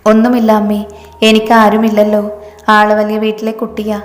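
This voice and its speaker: A caring, gentle young woman, as a woman narrator puts her on. She stays flat in pitch, heard in a roomy space with a long reverb. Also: normal speed, lightly acted. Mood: shy. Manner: gentle, reassuring. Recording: echoey room, long reverb.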